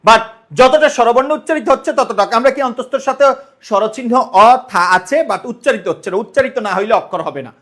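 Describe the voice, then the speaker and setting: A man's voice: very high voice, animated, brisk, fairly bright tone. A man teaching an online exam-prep grammar lesson, breaking words into syllables, repeating his questions and checking that students follow. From Bangladesh. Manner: explains step by step, repeats questions and checks understanding.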